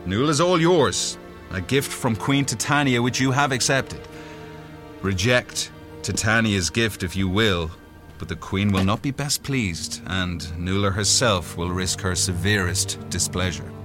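An actor playing a suave, sly fae noble and courtly emissary, with a flippant, theatrical manner, in an audio drama. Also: male voice, fairly low pitch, measured pace, lightly acted. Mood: smoothly courtly. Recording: music behind the voice.

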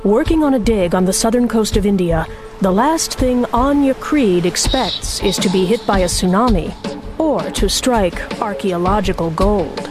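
Casting: female preview narrator, dramatic scripted delivery, medium pitch, music underneath. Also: animated, moderate pace. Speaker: trailer narrator.

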